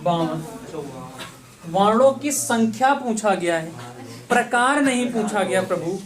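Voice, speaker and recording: A man's voice: high voice, animated, unhurried. A man teaching an online exam-prep class. He asks questions and answers them himself, repeating the key points. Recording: voice somewhat distant from the mic.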